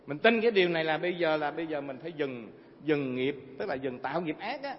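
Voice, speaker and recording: A man giving an animated sermon with stories to a live audience, often asking rhetorical questions. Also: fairly high pitch, fast. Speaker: Buddhist preacher. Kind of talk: sermon with storytelling. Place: hall before a live audience. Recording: reverberant hall, dull lo-fi sound.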